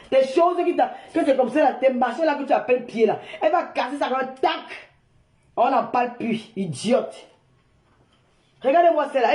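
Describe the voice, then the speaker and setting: An older woman, loudly mocking and insulting someone in a heated, repetitive live-stream rant. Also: fairly high pitch. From Cameroon. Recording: echoey room.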